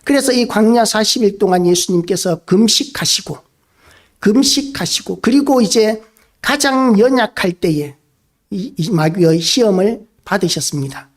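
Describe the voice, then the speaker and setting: Delivering a sermon at a moderate pace, this male pastor speaks in a high voice, steady and earnest, and puts rhetorical questions to the congregation.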